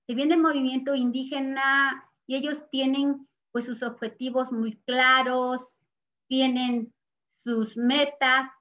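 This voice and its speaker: An older Mexican woman, a native Nahuatl speaker, gives slow, reflective interview testimony about her life in Mexican Spanish–accented speech. Her voice sits high and is slightly raised yet level in tone, and she speaks very slowly, measured and earnest, pausing often with soft fillers. The recording is muffled and lo-fi.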